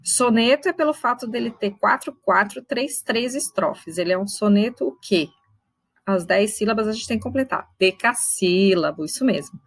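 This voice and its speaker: A woman teaches a literature class online, her voice sitting a little high. She explains step by step, checks in with her students, and slowly spells out syllables. The sound is dry and close, with no room around it. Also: expressive, breathy edge, no echo, poor audio. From Brazil.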